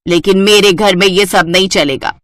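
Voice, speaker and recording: A woman with a mid-range, steady, fairly bright voice speaks at a moderate pace in a clean studio recording with no room sound, sounding close to an everyday voice. She plays a nagging, disapproving, old-fashioned mother-in-law in a family cartoon, scolding indignantly.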